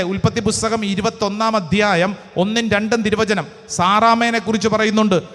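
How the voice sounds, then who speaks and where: A man's voice: high-pitched, fairly bright tone. A priest preaching a charismatic sermon, telling stories and leading his congregation in call-and-response prayer. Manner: storytelling, then rousing the congregation to clap and pray. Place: large church hall. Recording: long hall reverb.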